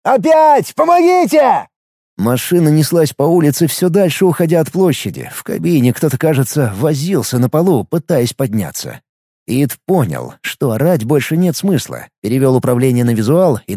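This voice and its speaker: A man narrating an audiobook in an expressive, vivid way, close to the mic. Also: fairly high pitch, normal speed, no echo. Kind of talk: scripted narration.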